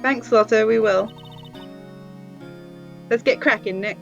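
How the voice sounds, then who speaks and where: Dull-sounding recording of a higher-voiced woman. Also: slow pace, gravelly, faint music behind. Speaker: co-host of a game playthrough. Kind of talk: casual playful chat and reading game lines. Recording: dull, band-limited mic.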